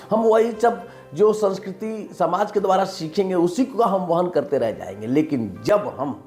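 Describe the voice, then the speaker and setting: A man's voice: fairly high pitch, darkish tone. A man speaking in an earnest talk straight to viewers, repeating his points and counting them off, sometimes reciting a line of verse. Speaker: motivational speaker. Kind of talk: direct-to-camera talk.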